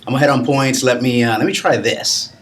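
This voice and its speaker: A man's voice: medium pitch, steady tone, fairly quick, fairly bright tone. A man co-hosting a podcast, agreeing and chiming in with advice in casual chat.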